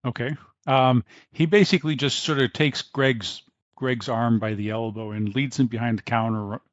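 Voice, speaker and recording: A man narrating as game master of a tabletop game, pausing often with fillers. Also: medium pitch, fairly even intonation, muffled recording. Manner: hesitant with many fillers.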